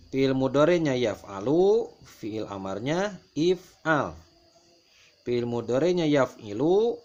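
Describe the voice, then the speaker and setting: A man's voice: mid-range voice, darkish tone, lo-fi sound. A man teaching a grammar lesson step by step, patient and repetitive, often starting sentences with "nah". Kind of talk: classroom explanation over slides.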